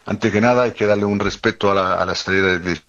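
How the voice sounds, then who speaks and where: A man with as his talking casually about football, halting often and restarting his sentences. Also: on the low side, steady tone, fairly bright tone, highs cut off. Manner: halting, many restarts and fillers. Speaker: guest commentator.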